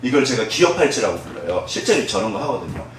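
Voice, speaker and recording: A man preaching a sermon as pastor, telling a story with big swings between loud and hushed speech. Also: medium pitch, big pitch swings, fast, a little hiss or hum. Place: church sanctuary. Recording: very echoey hall, voice from far off.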